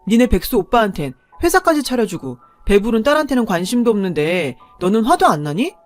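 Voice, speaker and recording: A woman's voice: mid-range voice, expressive, fairly quick, a little mellow, faint music behind, natural voice. A woman voicing a sneering, stingy husband. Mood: berating. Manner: sneering, berating. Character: scornful stingy young husband.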